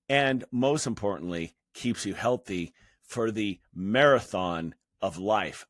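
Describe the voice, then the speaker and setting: A man's voice: medium pitch, dry recording, studio quality. A man in his fifties hosting a fitness channel, talking earnestly and personally with frequent restarts and fillers. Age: 50s. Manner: earnest, halting with many restarts. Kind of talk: personal talk to camera.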